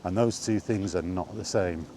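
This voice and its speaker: Walking and speaking off the cuff, a man who hosts videos argues his views on gaming in a fairly low, warm voice. He leans deliberately on each point through repetition and rhetorical questions, and background noise is clearly audible.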